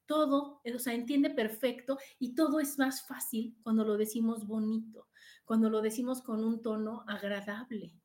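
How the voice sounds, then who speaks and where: A woman's voice: a little high, steady tone, normal speed, a little mellow. A middle-aged Mexican woman hosting a podcast, giving chatty, casual advice to her live listeners and often checking in with "¿no?". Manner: chatty, tags "¿no?" after points. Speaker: podcast host.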